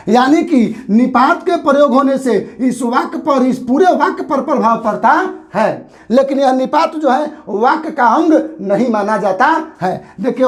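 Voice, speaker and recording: In an exam-prep grammar class, a man with an extremely high pitch keeps repeating key terms and answers his own questions.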